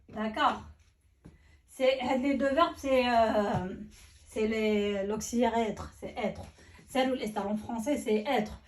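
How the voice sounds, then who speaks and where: A woman's voice: on the high side, fairly bright tone. A woman language teacher drilling verb conjugations for a class, insistent and repeating her key points while mixing languages. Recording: echoey room, voice from a distance.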